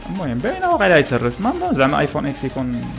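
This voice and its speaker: A young man with a Moroccan accent giving casual, halting reaction commentary in Moroccan Arabic dialect as a channel host, close on a desk microphone. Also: on the high side, huge pitch swings, over music. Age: young adult. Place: small plain room indoors.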